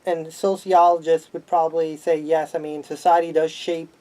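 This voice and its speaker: Male guest, sociology student, mellow tone, measured explanations, slightly high. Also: level tone, rough recording. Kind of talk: casual discussion.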